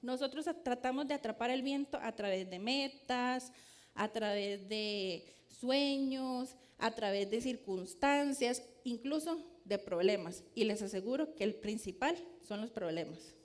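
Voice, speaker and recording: A woman's voice: on the high side, unhurried. A woman preacher giving a sermon, telling a story and putting questions to her listeners. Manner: storytelling, asks the audience questions.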